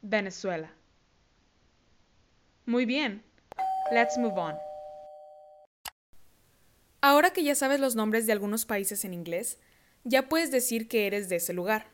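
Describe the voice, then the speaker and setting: A woman hosting a scripted podcast lesson, slowly and carefully repeating words for listeners to copy. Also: on the high side. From Mexico. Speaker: English teacher host of a podcast.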